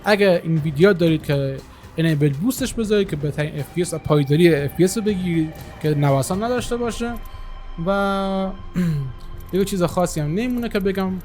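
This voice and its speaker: A man's voice: high-pitched, soft background music. A man hosting a gaming channel, talking casually at his computer through a game-settings tutorial, with many hesitations. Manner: relaxed, many filler hesitations. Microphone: single desktop microphone.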